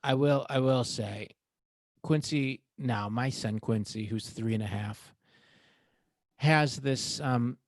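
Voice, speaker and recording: A man's voice: medium pitch, slow pace, no room sound. Guy in his 30s on a home podcast, laid back, jokey, swears a lot, dry close mic. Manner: loose, joking, swearing, puts on silly voices. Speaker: podcast co-host. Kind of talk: casual chat.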